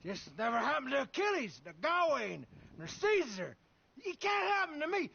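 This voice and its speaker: A man's voice: very high-pitched, sing-song, normal speed, gravelly, pushed and bright, muffled recording, full character voice. An actor playing a tired, drunk old gunfighter who boasts about his glory days and grumbles at everyone. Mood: boastful. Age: older. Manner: boastful, cranky, slurring old-timer drawl. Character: drunk, tired old male gunslinger legend, boastful and bitter.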